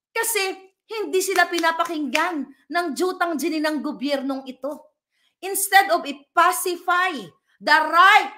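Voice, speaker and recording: Bright high-voiced woman vlogger. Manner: emphatic, talks to viewers directly and reads their comments aloud. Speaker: political vlogger. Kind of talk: casual live commentary vlog.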